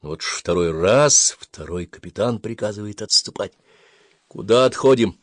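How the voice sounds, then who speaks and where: A man narrating a fantasy audiobook in a steady, even reading voice. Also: lowish voice, moderate pace, no echo, studio quality.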